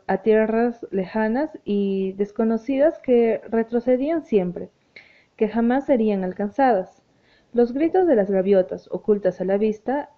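A woman narrating an audiobook in a measured, expressive reading voice. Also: medium pitch. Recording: tinny phone-like sound.

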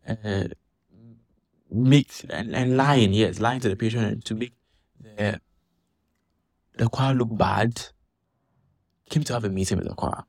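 Guy ranting on a vlog, kinda husky voice, dry close sound, keeps restarting and getting worked up. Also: medium pitch, no room sound. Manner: animated, indignant, restarts often. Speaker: church member commenting on a dispute. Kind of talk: casual monologue vlog.

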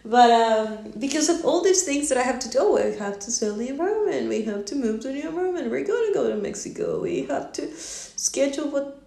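A woman's voice: sits high, animated, brisk, vocal fry, mellow, echoey room. A woman talking casually on her own into a phone on a stand, rambling with lots of fillers and laughs. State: yawning, drowsy. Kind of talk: casual solo talk.

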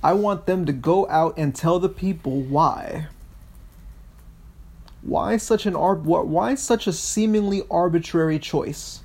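A man with a somewhat raised voice co-hosts a casual political podcast. He speaks haltingly, with frequent restarts and false starts, and sometimes reads policy text aloud. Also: a little high, creaky, a little mellow, husky. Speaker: podcast co-host.

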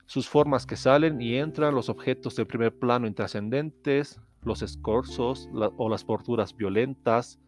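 Man giving a steady art-history lecture. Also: mid-range voice, a little slow, few pauses, faint music behind. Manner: steady explanatory tone, occasional restarts. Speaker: host. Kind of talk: educational lecture.

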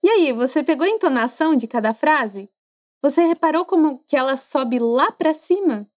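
Woman, high voice, chatty French teacher, encouraging, podcast lesson. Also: expressive. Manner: chatty, encouraging, slows down to model pronunciation.

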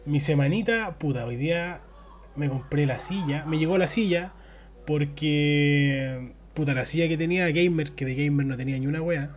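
A man's voice: a little high, normal speed. A young man with a Chilean accent co-hosting a podcast in loose, slangy, joking chat. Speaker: podcast co-host.

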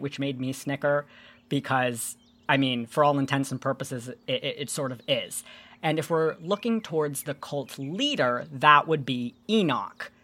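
A woman hosting a casual podcast, explaining myths and folklore in an animated, joking way with some swearing. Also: extremely low pitch. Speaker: podcast host.

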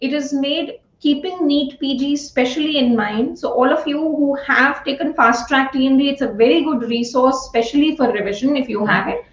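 High-pitched Indian woman teacher, carefully enunciating. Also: moderate pace, hardly any pauses. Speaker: teacher advising exam students. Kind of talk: explanatory lecture with numbered points. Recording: echoey room, dull lo-fi audio.

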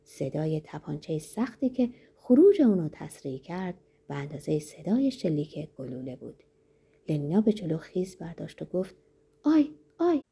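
Brief: woman audiobook narrator, mellow husky voice, dramatic read. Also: fairly low pitch. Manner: dramatic, varied delivery.

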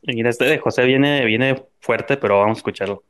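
A man's voice: mid-range voice, a little fast, fairly bright tone. Easygoing man hosting a chat show. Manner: easygoing, plays audio messages. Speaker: host. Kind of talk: casual chat.

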